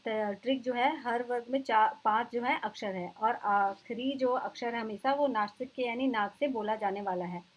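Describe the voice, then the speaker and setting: Woman, teacher, husky voice, fairly high pitch, explanatory exam-prep lecture. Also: poor audio. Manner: explanatory, repeats terms slowly for students.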